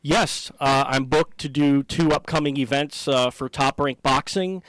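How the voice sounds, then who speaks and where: A man's voice: medium pitch, measured pace, fairly bright tone, dry recording, rough recording. A middle-aged man with an American accent, a ring announcer answering interview questions conversationally.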